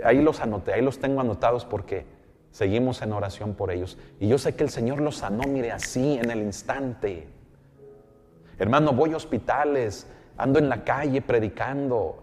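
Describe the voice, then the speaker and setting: A man's voice: medium pitch, a little mellow, big-room sound. A man with a Mexican accent, a pastor preaching a sermon in an emphatic way, often addressing his listeners as brother.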